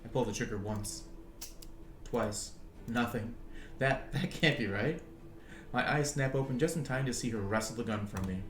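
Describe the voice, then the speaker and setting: A man's voice: fairly low pitch, moderate pace. Man reading game text in an echoey room. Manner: chuckling, animated reading. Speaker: streamer reading a game aloud. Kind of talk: reading game narration aloud.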